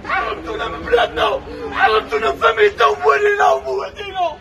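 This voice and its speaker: Casting: Algerian man in a tearful, furious public tirade, shouted fast, very high pitch. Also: fairly even intonation. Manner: angry crying shouting, cursing. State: crying with grief and anger. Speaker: stranded traveller protesting. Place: outside an airport terminal among a crowd. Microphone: bystander's handheld phone. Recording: outdoor crowd noise, phone video.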